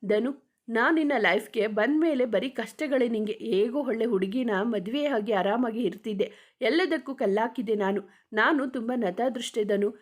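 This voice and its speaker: A guilt-ridden young wife from a storybook romance blames herself to her husband, read by a woman. Her speech is emotional and fairly high-pitched. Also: normal speed, natural voice. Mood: remorseful. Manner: self-blaming, emotional.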